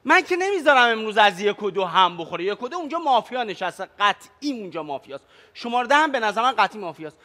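A man's voice: high-pitched, sing-song, pushed and bright, big-room sound. A man, a game show contestant, arguing insistently and pointing accusations at other players. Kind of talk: heated argument at a game table.

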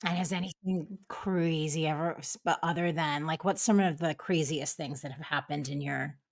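A woman's voice: sits low, normal speed, gravelly. A middle-aged woman hosting a conversational interview over a video call, informal, reflective and blunt in how she talks. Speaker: show host, interviewer.

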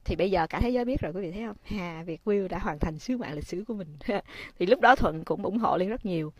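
Woman host, casual livestream talk, expressive, turns to viewers, dry close sound. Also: fairly low pitch, fast talker, no echo. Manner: expressive, addresses viewers often, gentle when advising.

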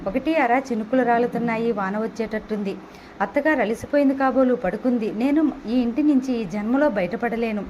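A woman narrating a novel in the first person, telling the story in a steady, measured way. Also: a little high, muffled recording, a little hiss or hum. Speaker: audiobook narrator.

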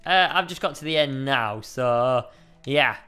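Bright, lively man puzzling out a game. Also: medium pitch, unhurried, clear, resonant tone. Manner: eager, thinks out loud. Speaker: gamer co-host. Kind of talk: casual game commentary. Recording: faint music behind.

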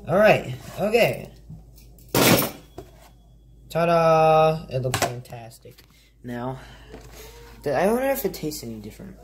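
A man's voice: on the high side, sing-song, slow pace, pauses often. A teenage boy joking his way through a cooking vlog in a home kitchen. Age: teens. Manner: joking, self-mocking. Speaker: home cook vlogger. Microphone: phone camera on counter. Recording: noisy kitchen with clatter.

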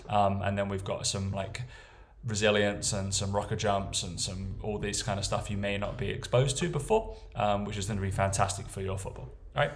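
A young man coaching casually while walking through a training plan, often checking in with "okay?" and "right?". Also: fairly low pitch. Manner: chatty, tags lines with "okay?" and "right?". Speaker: strength coach. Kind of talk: casual screen-share walkthrough.

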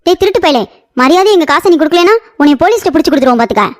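A greedy old village mother from a cartoon story, forever scolding and fretting in a high, shrill voice. A woman acts her out. She nags and complains without pause. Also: lively intonation. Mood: angry. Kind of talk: cartoon voice acting.

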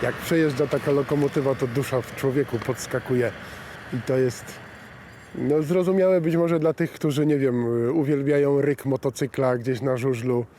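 A man's voice: medium pitch, fairly even intonation, normal speed, mellow, slight background noise. A man talks personally and reflectively about his hobby, in plain-spoken documentary style. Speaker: amateur railway photographer.

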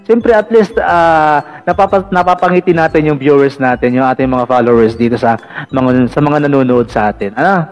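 A man hosting a casual live call-in vlog, chatty and teasing, filling pauses with "ayan". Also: mid-range voice, faint music behind. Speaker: vlog radio-style host taking callers.

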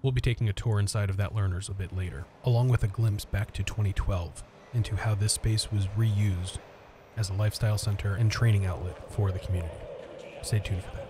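A man narrating the history of an abandoned mall as a scripted voice-over, measured and informative. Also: fairly low pitch, steady tone, noisy background. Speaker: urban exploration vlogger narrating history.

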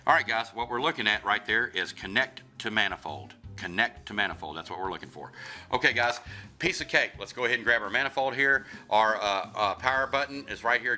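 An HVAC contractor from Kentucky, USA, hosts a hands-on tech tip video, folksy, enthusiastic and repeating himself in his Kentucky accent. His lowish, bright voice sounds forceful and moves fairly quickly over soft background music.

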